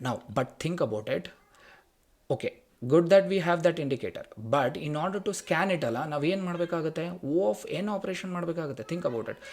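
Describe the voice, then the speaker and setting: Very fast-talking Indian man teaching. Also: fairly high pitch, animated. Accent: Kannada Indian. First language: Kannada. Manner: switches between two languages, checks in with "right?" and rhetorical questions. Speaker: programming instructor. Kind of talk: casual technical tutorial, thinking aloud.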